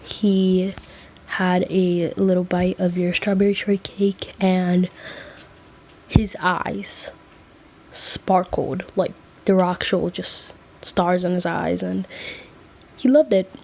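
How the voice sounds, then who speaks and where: A woman's voice: fairly low pitch, flat delivery, slow pace, gravelly, pauses often, a little mellow, a little hiss or hum. A woman narrating a fan fiction story as whispered role-play, casual with chatty asides.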